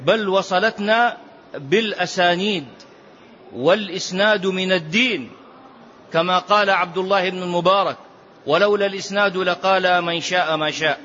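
A man's voice: high-pitched, normal speed, pushed and bright. A man teaching a religious lesson on prophetic biography, reciting narrations emphatically and repeating key phrases. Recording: dull lo-fi lecture recording.

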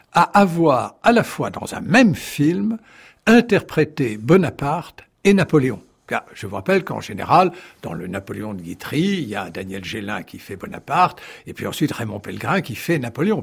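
A man speaking as a historian guest in a radio studio interview, telling his story in an animated way with wry asides and frequent restarts. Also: mid-range voice, vocal fry, husky. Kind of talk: radio interview, explaining at length.

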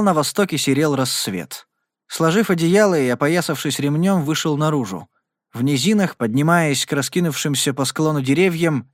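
A man in steady scripted narration, reading a Western novel as an audiobook. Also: on the high side, no room sound, clean studio sound.

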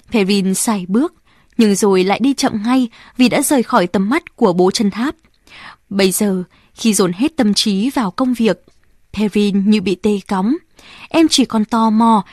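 A woman narrating a novel as an audiobook reader, in steady, expressive storytelling. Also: on the high side, no echo, clean studio sound. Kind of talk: scripted narration.

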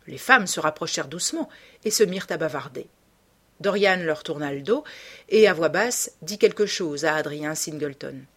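Woman, audiobook narrator, scripted novel narration, measured, husky, lowish voice. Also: animated.

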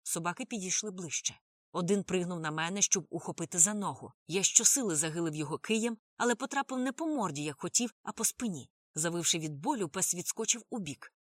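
A woman reads a novel aloud as an audiobook in a mid-height voice. Her delivery is dramatic, with pitch that jumps up and falls back within a sentence. The recording is close and dry, with no room sound. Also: dry recording. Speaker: audiobook narrator.

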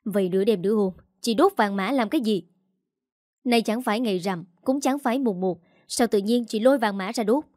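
Woman putting on a shrill accusing young woman. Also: brisk, a little mellow, dry recording, studio quality, natural voice. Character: angry young woman, sharp-tongued sister-in-law.

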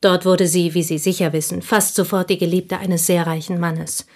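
A fairly low, slightly mellow female voice with little pitch movement carries a confiding, restrained mood. It belongs to an actress in a German radio drama cast as an intense, possessive village schoolteacher who confides deliberately and often sinks toward a whisper.

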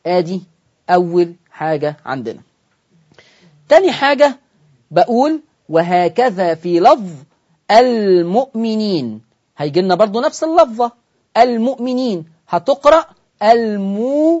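A man's voice: sits high, sing-song, moderate pace, pauses often, a little mellow, breathy edge, muffled recording. A man with an Egyptian accent hosting a televised Quran recitation lesson, asking the audience questions and answering them himself. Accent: Egyptian Arabic. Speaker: Quran recitation teacher and host.

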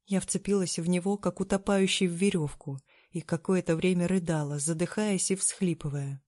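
A woman reading a novel aloud as first-person scripted narration, in a steady, even storytelling manner. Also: fairly low pitch, normal speed, dry recording, clean studio sound. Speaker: audiobook narrator.

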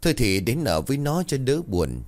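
A man's voice: mid-range voice, normal speed. A man narrating a folk ghost tale, acting out the characters' lines. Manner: voices characters with lively shifts. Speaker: storyteller.

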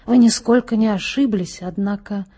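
Audiobook: an excitable, gallant colonel read by a woman, fervent and a little husky. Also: medium pitch, moderate pace, natural voice. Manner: fervent, exclaiming. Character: gallant, excitable middle-aged male police colonel.

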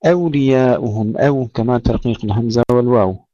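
A man's voice: mid-range voice, fast, mellow, no echo. A man teaching Quran recitation rules, reading short verse phrases and repeating single words to show correct and wrong pronunciation. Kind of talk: tajweed lesson, reciting verses and explaining pronunciation. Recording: dull, lo-fi dry recording.

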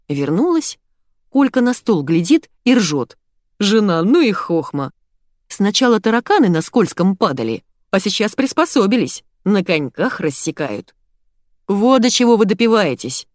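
A woman doing a shrill, fussy wife whose voice jumps up high and swoops around as she nags. It's a storybook reading, recorded close and dry. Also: big pitch swings, moderate pace, darkish tone, no room sound, natural voice. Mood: gossiping. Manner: shrill, emotional, nagging. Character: shrill excitable wife, quick to nag. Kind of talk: audiobook character voice.

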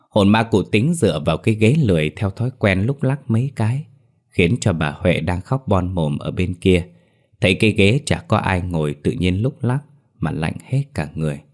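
A man narrating a ghost story in a steady, wry storytelling manner. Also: low voice.

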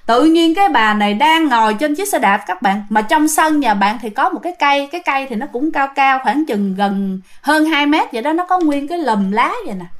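A woman narrating a ghost story, animated and speaking directly to her listeners. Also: high voice, a little fast, hardly any pauses.

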